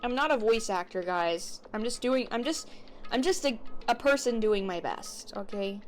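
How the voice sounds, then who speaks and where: A woman's voice: a little high, animated, normal speed. A woman streaming a video game, reading the dialogue aloud with playful voices and chatty asides. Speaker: let's play streamer. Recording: music behind.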